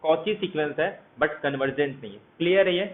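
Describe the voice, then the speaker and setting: A man's voice: a little high, expressive, brisk. Man teaching math over tinny audio. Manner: walks through steps, asks students questions. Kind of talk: explanatory lecture. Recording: tinny phone-like audio, faint hiss.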